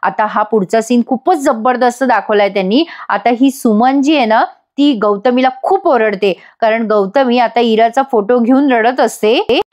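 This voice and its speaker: A woman's voice: fairly high pitch, normal speed, hardly any pauses, darkish tone. A woman giving a voice-over recap of a TV serial episode, chatty and emphatic, addressing viewers directly. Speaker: TV serial reviewer.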